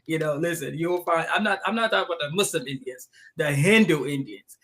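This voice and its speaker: A man co-hosting a live podcast, ranting in an animated way with frequent laughter and many restarts. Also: a little high, a little fast, poor audio. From United States. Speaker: podcast co-host.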